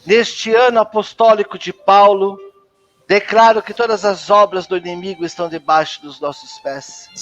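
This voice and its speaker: Brief: Brazilian male host, high voice, solemn declamatory prayer reading, emotional. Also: fairly even intonation, moderate pace, fairly bright tone, muffled recording, soft background music. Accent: Brazilian Portuguese. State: choked with emotion.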